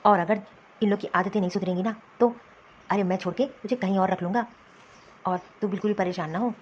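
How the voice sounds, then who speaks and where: Cartoon husband, a woman voicing him: bossy and reassuring, mid pitch, slightly dull audio. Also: fairly even intonation, fairly quick, a little mellow, slight background noise, lightly acted. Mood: soothing. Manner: reassuring then ordering about. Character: young jobless husband, soothing but bossy. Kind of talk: Hindi cartoon voice acting.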